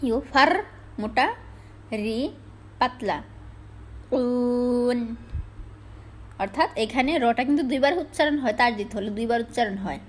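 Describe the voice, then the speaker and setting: A woman teaching Arabic letter pronunciation, explaining the rules step by step and slowly repeating each sound to demonstrate. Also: on the high side. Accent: Bangladeshi Bengali.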